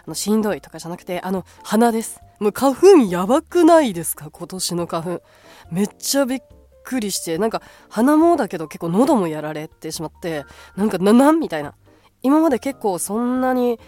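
Woman host, lowish voice, stuffy nasal tone from a blocked nose, chatty, many fillers, faint music under her. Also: a little mellow. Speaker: radio show host. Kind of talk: casual solo podcast radio talk.

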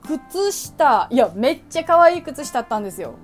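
In a casual shopping haul vlog with soft background music, a young woman chats about what she bought and throws in playful sound effects. Her high voice swings widely in pitch at a moderate pace.

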